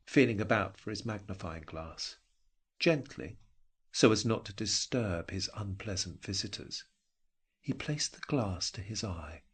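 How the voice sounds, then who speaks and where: A man narrates a dark short story dramatically, his lowish, breathy-edged voice brooding and theatrical, sometimes dropping toward a whisper.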